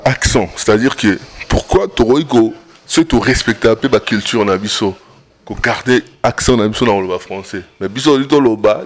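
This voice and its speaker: Hesitant man asking questions. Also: mid-range voice. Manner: questioning, hesitant, mixes in Lingala. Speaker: host. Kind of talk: moderating a debate.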